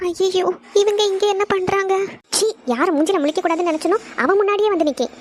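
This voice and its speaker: A woman's voice: very high-pitched, quick pace, a little mellow, slight background noise. A woman voicing a bitter, grieving middle-aged mother in a cartoon, harsh and contemptuous. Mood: scornful. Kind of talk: cartoon voice acting.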